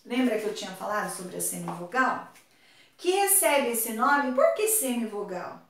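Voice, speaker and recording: A woman from Brazil teaching an online class, speaking slowly and patiently and drawing words out for her pupils. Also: a little high, very animated. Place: home room on a video call. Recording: very echoey room, far from mic.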